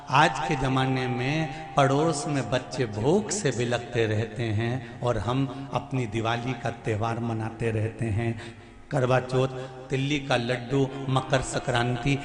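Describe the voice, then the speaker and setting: A man from central India preaching a devotional sermon with a Madhya Pradesh Hindi accent, telling lively stories that jump high and drop low. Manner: animated storytelling with sudden rises and drops. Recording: echoey hall with music.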